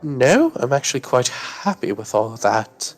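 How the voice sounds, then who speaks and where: A man voicing a calm male film crew member who answers in an even, matter-of-fact way. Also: medium pitch, moderate pace, faint music behind.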